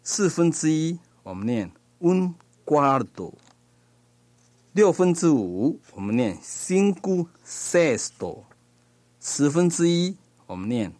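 Slow, careful male language teacher. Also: on the high side, very animated, warm tone, dry recording. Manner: slow, deliberate, pronouncing each word carefully. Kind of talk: slow recorded language lesson.

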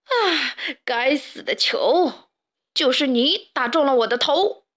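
A woman's voice: sits high, very animated, unhurried, bright, forceful tone, exaggerated voice. A woman doing a sly scheming stray pig. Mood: fake pain. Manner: sly, fakes pain.

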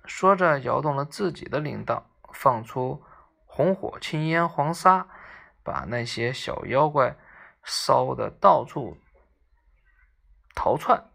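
Gravelly-voiced storyteller reading a classic tale. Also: mid-range voice, slow pace, long pauses. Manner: lively, expressive narration.

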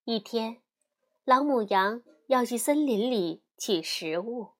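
A woman storyteller host narrating a fairy tale as a gentle bedtime story for children. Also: a little high, lively intonation, slow. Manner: gentle, addresses child listener.

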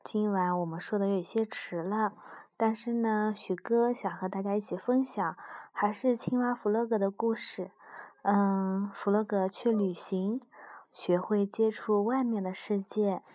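A woman reading a bedtime story to children in a soft, hushed voice. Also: medium pitch, steady tone, a little slow.

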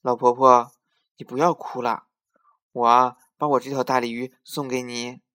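A man voicing a kind, eager little girl in a children's story, speaking gently with a slightly raised pitch. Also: level tone, moderate pace, natural voice. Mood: comforting.

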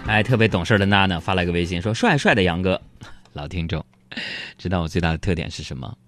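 A man hosting a radio show, joking through a playful, self-mocking monologue that sometimes stammers when he gets excited. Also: deep voice, fast, faint music behind. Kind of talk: comic monologue.

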